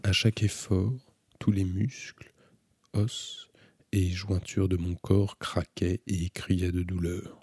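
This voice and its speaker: A man calmly reading a novel aloud as an audiobook narrator, in a measured, introspective way. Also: deep voice, slightly rough, no room sound.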